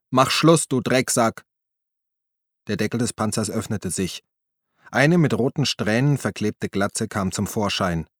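A male narrator reading a thriller aloud in a steady, measured way. His voice is low and recorded close on a studio mic, completely dry with no room sound. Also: dry recording. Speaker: audiobook narrator. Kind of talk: scripted narration.

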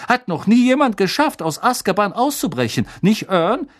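For an audiobook, the reader brings to life an excitable bus conductor, young and male, who chatters, dramatizes his story, and wants agreement at every turn. The voice is pushed up and given extra force, yet stays mid-range at a normal speed.

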